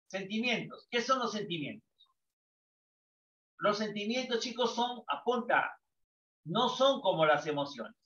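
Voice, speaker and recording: An older man's high-pitched, bright, pushed voice carries through a psychology lecture where he asks and answers his own questions. He is from Peru. The recording is distant, echoey and dull, with lo-fi sound.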